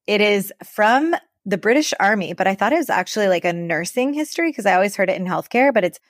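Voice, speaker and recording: A woman co-hosting a podcast for travel advisors, chatting casually in a rambling, animated way. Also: mid-range voice, quick pace, no echo, studio quality.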